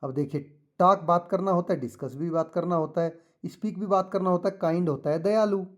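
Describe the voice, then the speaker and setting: A man teaching a school English lesson to children, reading the English text slowly and explaining it patiently with many repetitions. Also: high voice. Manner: mixes English and Hindi, reads English slowly then explains.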